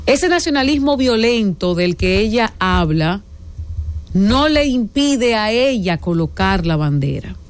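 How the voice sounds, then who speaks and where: A woman from the Dominican Republic with a Dominican accent, giving an emphatic, indignant opinion monologue as a political commentator, stressing her points with deliberate force. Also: mid-range voice, very animated. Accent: Dominican Spanish.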